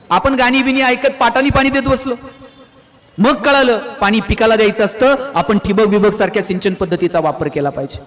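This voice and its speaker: A man with a strikingly high voice delivers a motivational speech to a live audience. He tells stories and swings between loud, pointed peaks and hushed drops. The sound carries a long reverb from a large hall. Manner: rousing, storytelling, with sharp rises and drops in pitch and loudness. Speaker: motivational speaker.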